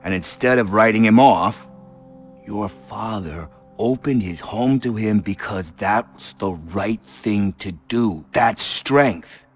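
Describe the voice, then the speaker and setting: An actor playing a gruff, middle-aged veteran police officer in a video game, lecturing in a stern, fatherly way. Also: low voice, slow pace, long pauses, faint music behind, exaggerated voice. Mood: forceful.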